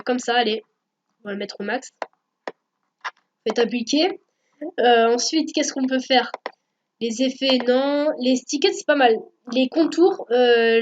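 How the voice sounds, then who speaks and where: Woman, home screen-recorded tutorial, slightly high voice, halting delivery with constant fillers, dull cheap mic, faint hiss. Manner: hesitant, many fillers, corrects herself often. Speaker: YouTube tutorial maker.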